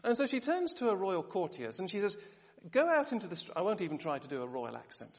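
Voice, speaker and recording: A man preaching a sermon, animated and often asking the congregation rhetorical questions. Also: sits high, quick pace. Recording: dull sound, long church reverb.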